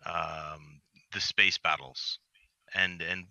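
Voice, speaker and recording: A man chatting on an online panel, asking a question haltingly with many restarts. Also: sits low, fairly even intonation, creaky, bright, forceful tone, no echo. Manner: hesitant, repeats words as he asks. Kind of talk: casual chat.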